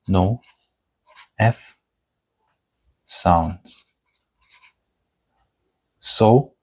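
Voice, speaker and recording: A man whose first language is Korean teaches an online lesson, taking his time over every word. His voice sits a little low, and he walks through the sounds one letter at a time. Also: darkish tone, husky. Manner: slow, deliberate explaining with spelled-out letter sounds.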